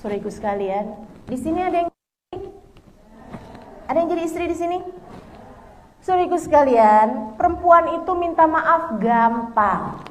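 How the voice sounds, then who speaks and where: Woman, middle-aged, preacher, high voice, animated chatty sermon, acts out dialogue. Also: moderate pace, pauses often, a little hiss or hum. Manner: lively, conversational, acts out dialogues. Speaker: Islamic preacher. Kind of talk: religious lecture to women.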